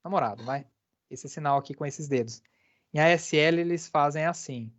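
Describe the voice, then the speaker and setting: An interpreter voices a deaf lecturer's talk live, speaking in halting phrases full of filler pauses. The pitch sits in the middle of the range. The stream sounds dull and lo-fi.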